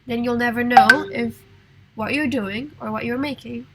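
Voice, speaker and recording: A woman's voice: on the high side, moderate pace, pushed and bright, a little hiss or hum, rough recording. A woman teaching an English class over a video call, patient and encouraging, talking with a sore throat. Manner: patient, encouraging, reads exercises aloud.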